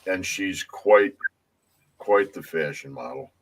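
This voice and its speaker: A man's voice: low voice, slow, a little hiss or hum. A man guesting on a talk show, genial and full of compliments. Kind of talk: casual talk show banter.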